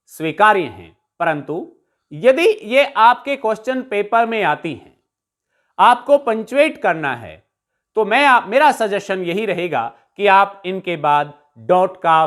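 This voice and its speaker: A woman teacher with an Indian accent giving a classroom lesson in a Hindi and English mix, patiently explaining each example step by step and restating terms. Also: medium pitch.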